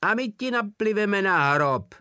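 A man shouting as a crude jeering soldier. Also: fairly high pitch, lively intonation, gravelly, dry recording, clean studio sound, voice pushed up.

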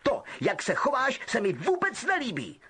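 A man's voice: very high voice, huge pitch swings, a bit bright, husky, pitched above the performer's own voice, heavily acted. A male audiobook reader voicing a pompous, stern teenage prefect in a raised voice.

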